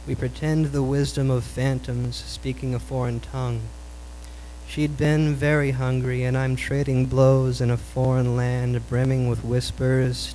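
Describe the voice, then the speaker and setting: A man performing his own poems at a live reading in a cool, measured Beat style, like a beatnik poet. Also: medium pitch, darkish tone. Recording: noisy live recording with hum.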